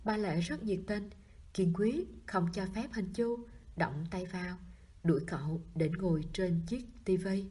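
A woman narrating a novel in a soft reading voice that often drops to a whisper. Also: fairly low pitch, unhurried, slightly rough. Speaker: audiobook narrator.

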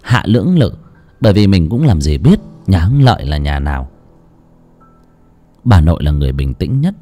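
A man's voice: low-pitched, moderate pace. A man narrating a horror audiobook dramatically. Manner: dramatic, expressive. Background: faint music.

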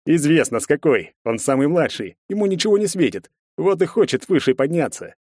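A man doing a drunk, bitter young brother for a storybook reading, with a raised, loud voice that jeers and sneers at everyone. The recording is dry and close, with no room sound. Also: on the high side, very animated, a little fast, no room sound, voice pushed up. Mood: accusing. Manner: sneering, jeering. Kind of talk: audiobook character voice.

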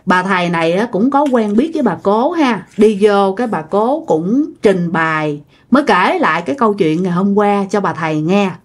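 A woman's voice: mid-range voice, animated, moderate pace. Chatty woman storyteller. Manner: chatty, folksy, addresses the listener. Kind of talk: telling a ghost story.

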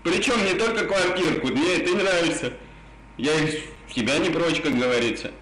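On an echoey phone call with faint noise, a man with a high-ish, slightly bright voice and lively intonation keeps coaxing and repeating himself at a normal speed. He's a prank caller chatting casually, with burred, indistinct r sounds.

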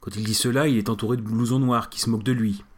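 A male reviewer retells a film in a voice of average pitch. His commentary is partly scripted and explanatory. He drops in casual asides as he goes. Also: steady tone, fast talker. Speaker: film reviewer narrating the show.

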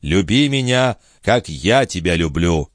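A man voicing Balsamo, a proud, ambitious man who speaks in a measured, soothing way in an audiobook reading. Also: low-pitched, sing-song, no room sound, studio quality. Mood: calm. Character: ambitious man, calm, proud, tender but cool.

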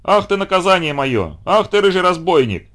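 A man voicing an old village grandmother who scolds and wails in a raised, shrill voice. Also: big pitch swings, a little fast, close to an everyday voice. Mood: scolding. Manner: wailing, scolding.

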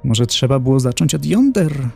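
A man's voice: mid-range voice, big pitch swings, normal speed, creaky, dark tone, slightly rough, faint music behind, exaggerated voice. A man voicing a flirtatious, cruel lady in hell, with a playful, raised tone in a horror audiobook. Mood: teasing.

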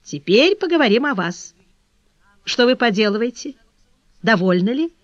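A woman reading an audiobook and voicing a warm, eager young flower girl who talks in excited, pleading exclamations. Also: fairly high pitch, normal speed, dry recording, voice pushed up. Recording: dull dry lo-fi recording.

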